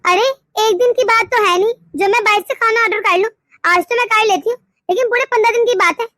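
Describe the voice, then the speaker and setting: A woman voicing a complaining, sharp-tongued young wife in a cartoon story. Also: very high voice, fast, no room sound, studio quality. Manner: whiny, indignant.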